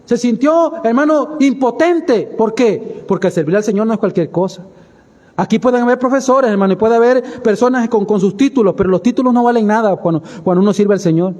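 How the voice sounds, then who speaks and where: A Salvadoran pastor preaches in a high, ringing voice, talking to his congregation like a neighbor and firing off rhetorical questions. His sermon carries a long reverb from the church hall around him. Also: dark tone. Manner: conversational preaching, keeps addressing listeners as brother, rhetorical questions. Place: church sanctuary.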